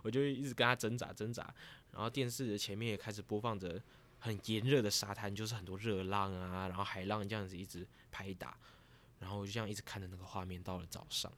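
A man casually retelling a dream in a rambling, lively way as a vlogger. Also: lowish voice, fast talker, a little hiss or hum. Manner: rambling and lively, grows excited as the story goes on.

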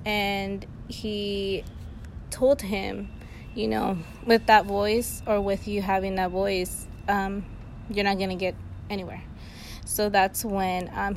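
A woman's voice: mid-range voice, a little mellow, a little hiss or hum, rough recording. A young woman recounting film scenes in casual chat for a class discussion, chatty with lots of fillers. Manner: chatty, many fillers, laughs easily.

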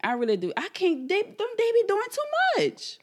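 A woman co-hosting a casual music podcast, animated, laughing often and repeating herself. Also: very high-pitched, moderate pace. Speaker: podcast co-host. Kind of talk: casual chat.

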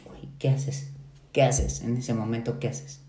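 A man's voice: mid-range voice, flat delivery, a little slow, warm tone. A young man with a Mexican accent, a podcast guest, retelling a personal story with feeling and acting out the voices of his relatives. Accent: Mexican Spanish. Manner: emotional retelling, acts out quoted relatives. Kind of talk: casual storytelling chat. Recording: roomy echo, faint background noise.

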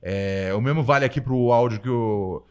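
A man's voice: medium pitch, normal speed, clear, resonant tone. A man hosting a casual podcast, joking and swearing as he reads listener messages. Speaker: podcast host.

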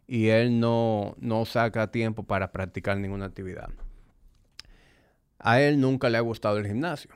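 This is a conversational solo podcast from a male fitness trainer, who explains things straight to the listener. His lowish voice sounds clear and resonant, and the recording is dry and studio-clean.

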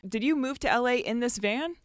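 A woman's voice: fairly high pitch, no room sound, clean studio sound. A woman in her thirties, a stand-up comedian guesting on a podcast inside a van, blunt and teasing. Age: 30s. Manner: blunt, teasing, quick to laugh. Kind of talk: casual chat.

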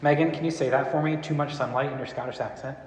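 A man's voice: mid-range voice, fairly even intonation, quick pace, slight background noise. A man teaching a group in a casual, rambling way, often asking the room questions. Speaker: church speaker teaching a series. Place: large room with a live audience. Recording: echoey hall with long reverb.

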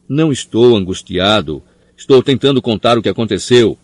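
A man's voice: lowish voice, moderate pace, no room sound, natural voice. A man reading an audiobook, voicing an agitated, desperate boy wizard who pleads in a raised voice. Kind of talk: audiobook character voice.

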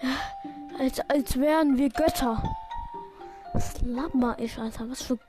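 High-voiced woman giving excitable gameplay commentary. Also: measured pace, music in the background. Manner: excitable, self-mocking play-by-play. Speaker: gaming video creator.

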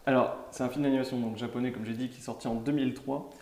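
Un homme qui anime un podcast et explique, hésitant, avec beaucoup de « euh ». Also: male voice, mid-range voice, fairly even intonation, quick pace, darkish tone, roomy sound. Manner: hesitant explaining, many fillers. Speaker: podcast host. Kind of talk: casual podcast chat.

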